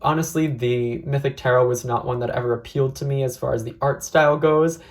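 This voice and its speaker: Casual deck reviewer with noticeable vocal fry, reflective and measured, careful to hedge opinions. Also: mid-range voice, fairly even intonation. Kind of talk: casual unscripted review talk.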